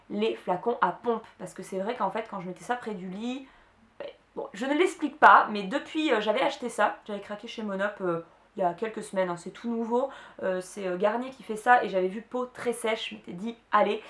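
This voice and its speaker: A young woman talks through her favorite beauty products in a relaxed vlog. She rambles, pauses and restarts often, her voice mid-pitched. The room is echoey. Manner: chatty, many hesitations and restarts. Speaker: beauty vlogger. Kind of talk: casual product chat to camera.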